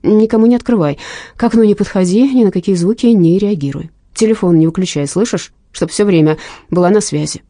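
A woman's voice: mid-range voice, brisk, mellow, dry recording, clean studio sound, lightly acted. A woman reading the lines of a male police chief, giving urgent, commanding orders in an audiobook. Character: gruff male police chief, bossy but protective.

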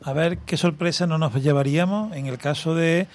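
A man's voice: a little high, moderate pace, darkish tone. A man with an Andalusian Spanish accent hosting a radio interview, musing in long, meandering sentences full of tag questions. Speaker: radio host.

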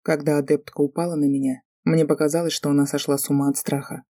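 A woman reading a fantasy audiobook in steady, lively storytelling narration. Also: low voice, fast, no room sound, studio quality. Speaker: audiobook reader.

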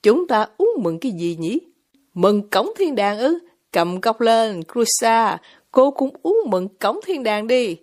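A woman's voice: on the high side, big pitch swings, slow, a little mellow. A woman voicing a cynical, mocking young man in an audiobook, with a sarcastic, brusque delivery. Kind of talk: audiobook character reading.

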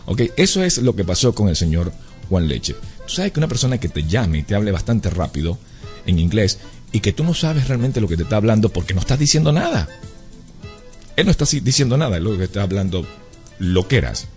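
Deep-voiced male radio host. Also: big pitch swings, brisk, darkish tone, soft background music. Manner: repeats addresses and numbers, switches to English. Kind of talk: live radio talk with ad reads.

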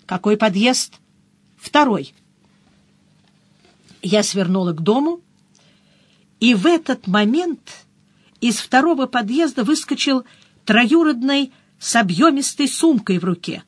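A woman narrating a first-person audiobook in a brisk storytelling manner, with short dips into other characters' voices. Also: a little high, no room sound.

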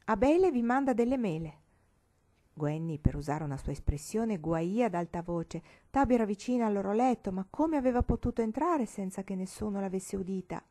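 Donna che legge un romanzo ad alta voce. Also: female voice, medium pitch, expressive, fairly quick, hardly any pauses, dark tone. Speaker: reader. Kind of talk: audiobook narration.

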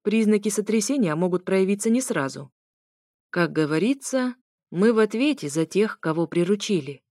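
A woman's voice: mid-range voice, animated, normal speed, darkish tone, no echo, clean studio sound, close to an everyday voice. A woman voicing a smug, sarcastic ex-husband who talks sternly. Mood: mocking. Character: smug, mocking male ex-husband.

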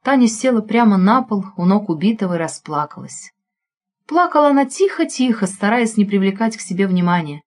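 A woman reading a thriller audiobook in an expressive narrating voice. Her pitch sits in a middle range for a woman. She follows the heroine's thoughts closely. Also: a little fast.

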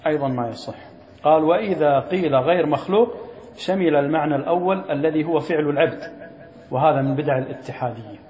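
Brisk sheikh, fairly high voice, quizzes his class, echoey lo-fi hall recording. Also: a little mellow, slight background noise. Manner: quizzes students, repeats key phrases. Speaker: sheikh teaching a creed text. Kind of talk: classroom lesson.

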